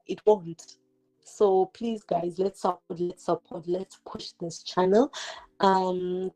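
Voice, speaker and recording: A woman in her 20s from Zimbabwe, English being a second language for her, speaks with a warm tone at medium pitch on a low-quality recording. She's cooking in her home kitchen during a casual livestream, talking directly to viewers as fireworks go off outside. Her chatter is full of "like" fillers and rhetorical questions.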